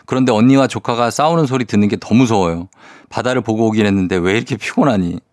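Hosting a morning radio show, a man with a lowish, slightly mellow voice reads listener messages and chats back with quick asides. He's recorded close on a studio microphone, dry with no echo.

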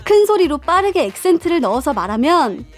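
A woman playing the comic side of a scripted radio skit, dramatic and animated. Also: extremely high pitch, a little fast. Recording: faint music underneath.

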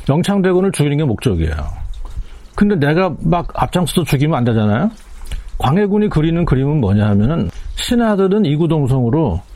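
Prof guy explaining history, super animated, warm dark voice. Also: medium pitch, dry recording. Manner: animated, conversational, acts out quotes. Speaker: history professor, interviewed guest. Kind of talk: casual explanatory interview talk.

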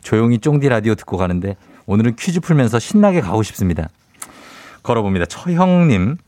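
A man's voice: mid-range voice, big pitch swings, fairly quick, warm tone, no room sound. A man hosting a radio call-in quiz segment, bantering playfully with a caller and reading out questions.

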